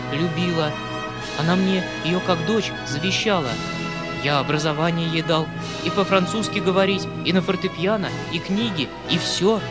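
An emotional, soft-hearted old uncle who pleads and exclaims, as a male audiobook reader puts him on. The voice sits a little high, and faint music plays under the reading. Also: natural voice. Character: emotional kindly older male uncle, anxious.

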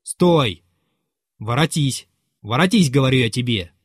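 A man reading the part of a bitter, poor man who rants furiously at his servant, loud and high-pitched. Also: expressive, a little slow, husky, no echo, studio quality. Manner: loud, ranting and raised in pitch.

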